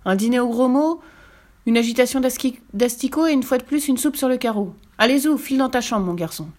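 A woman's voice: sits high, fast talker, mellow, voice pushed up, close to an everyday voice. A woman voicing a grumpy father who scolds his son in a storybook reading. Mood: scolding. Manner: scolding, gruff.

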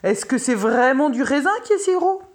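Fairy-tale king, male, commanding, loud and emphatic; woman reader doing him. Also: sits high, big pitch swings, normal speed, pitched above the performer's own voice. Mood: amazed. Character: storybook king, male, commanding but fair.

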